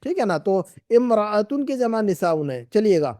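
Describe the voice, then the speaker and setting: A man's voice: sits high, very animated, normal speed, warm tone, no echo, studio quality. A middle-aged man teaching an Arabic class, patiently repeating and drilling words with his students. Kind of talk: classroom lesson.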